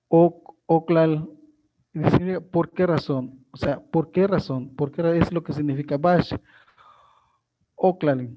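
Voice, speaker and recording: A male teacher explains a live online class, pausing often with fillers and restarts. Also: on the high side, lo-fi sound.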